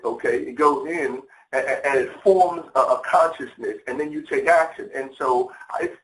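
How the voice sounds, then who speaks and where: An excited man speaks on a phone call from a home office, often repeating words and calling his listeners "y'all". His voice sits a little high. The room is echoey, and he is well back from the mic. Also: recorded from a distance. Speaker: guest speaker on a sales call. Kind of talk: enthusiastic motivational call talk. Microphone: phone or conference line.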